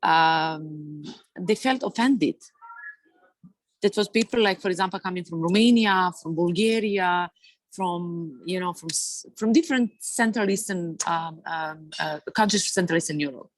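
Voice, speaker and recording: A woman from Serbia speaks with a Serbian accent on a webinar panel, her voice slightly low. She talks haltingly, full of fillers and restarts. The video call sound is dry and close. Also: no room sound. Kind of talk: webinar discussion.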